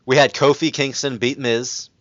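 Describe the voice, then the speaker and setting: A man hosting a laid-back podcast chat, cursing freely and leaning on fillers as he wanders through his points. His voice sits at an ordinary middle pitch. It comes through a dry, slightly dull lo-fi recording. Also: flat delivery, moderate pace, dry recording. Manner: swears freely, rambling with fillers. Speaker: podcast host. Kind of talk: casual wrestling chat.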